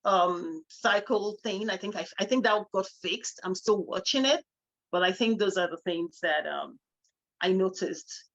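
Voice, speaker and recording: A woman's voice: mid-range voice, measured pace, fairly bright tone. Chatty middle-aged woman, lo-fi sound. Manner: chatty storyteller, laughs often. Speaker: co-host. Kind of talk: casual chat.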